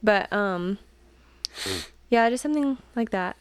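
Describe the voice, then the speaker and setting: Young female co-host, smooth clear tone, thinks aloud with "like" and "um"; dry sound. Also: mid-range voice, expressive, slow, no room sound. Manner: thoughtful, filler-heavy, joking asides. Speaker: podcast co-host. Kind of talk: casual chat.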